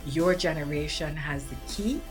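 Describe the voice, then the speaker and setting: A woman from Barbados, an activist speaking in an earnest, measured interview, often pausing with ums and restarts. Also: deep voice, over music. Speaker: activist in residence. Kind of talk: reflective interview monologue.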